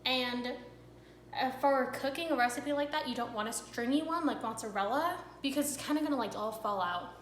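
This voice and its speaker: A woman's voice: sits high, fairly quick, roomy sound, a little hiss or hum, rough recording. A young woman hosting a cooking vlog, chatting casually to camera with a rambling, filler-filled manner.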